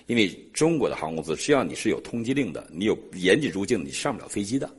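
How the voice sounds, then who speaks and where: A middle-aged man preaching and telling a personal story in an animated way, laughing often. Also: on the low side, fast talker, husky. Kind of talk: sermon testimony storytelling.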